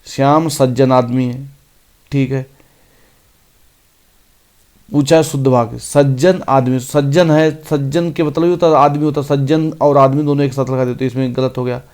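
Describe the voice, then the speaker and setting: A man teaching an exam-prep grammar lesson, reading each sentence out slowly and then explaining it briskly. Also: medium pitch, steady tone, darkish tone, clean tone. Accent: Hindi.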